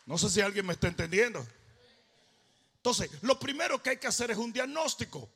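Male pastor, fervent sermon delivery, very high husky voice, long church-hall reverb. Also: lively intonation, brisk. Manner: fervent preaching, shouting and half-singing phrases.

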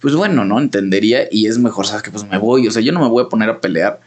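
A young podcast co-host with a Mexican Spanish accent chats casually, spinning a rambling story packed with slang and fillers. His voice is on the low side and darkish, and he talks quickly.

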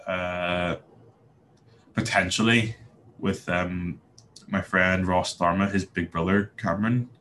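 Taking it slowly with long pauses, a young Belfast man from Northern Ireland speaks in a low, steady, slightly bright voice. He's a podcast guest in a casual interview, hesitant and full of fillers and restarts. Slight background noise is present.

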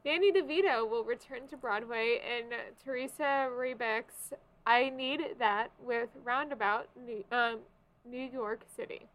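Casting: female co-host, slightly high pitch, informal delivery of entertainment news and casual chat. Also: unhurried, fairly bright tone, rough recording. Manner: informal, loose paraphrasing between read items. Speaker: podcast co-host. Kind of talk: entertainment news podcast, reading items and chatting.

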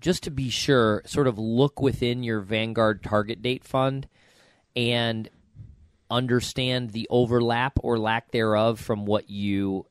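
Man, podcast host, hoarse, raspy smoker-like voice, colloquial, jokey, casual chat, dry sound. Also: medium pitch, fairly even intonation, takes it slowly, no echo. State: hoarse from allergies.

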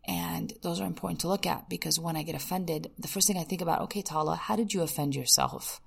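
A woman's voice: fairly low pitch, fairly even intonation, fast, vocal fry, breathy edge. A woman hosting a podcast episode, speaking to listeners in a candid, coaching self-help monologue and often posing rhetorical questions. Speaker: podcast host.

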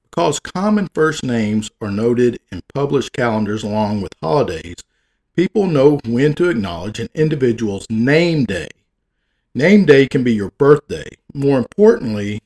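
With a mid-range, slightly mellow voice, a Southern American man reads facts aloud as a presenter. He wisecracks in a folksy way between them and stumbles over some long, tricky words.

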